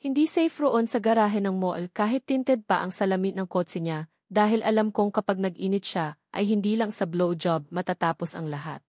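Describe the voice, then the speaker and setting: An audiobook narrator with a Filipino accent reads a romance novel in the first person. Her mid-range voice is slightly mellow and moves at normal speed, with studio-quality sound and no room noise.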